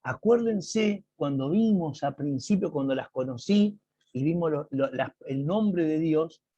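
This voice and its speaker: A man teaching an online Bible class over a video call, explaining slowly and emphatically and reading quotes aloud with drama. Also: on the high side, animated, warm tone, breathy edge, muffled recording.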